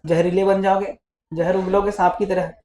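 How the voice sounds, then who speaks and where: A man's voice: high voice, level tone, moderate pace, dark tone, slight background noise. A male physics teacher in a casual classroom lecture, teasing and scolding his students as he talks. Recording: echoey classroom.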